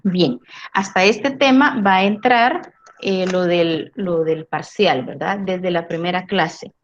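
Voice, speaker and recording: A woman's voice: fairly low pitch, takes it slowly, noisy background. A woman teaching a philosophy class. She often checks in with tag questions and repeats words while she gathers her thoughts. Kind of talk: class lecture. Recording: dull lo-fi recording.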